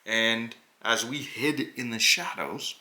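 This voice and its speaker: Man voicing a slow, earnest hobgoblin adventurer. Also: mid-range voice, bright, forceful tone. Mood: earnest recounting. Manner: deliberate, halting phrasing with dramatic pauses. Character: noble, earnest hobgoblin adventurer recounting his quest. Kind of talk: in-character narration of a tabletop adventure.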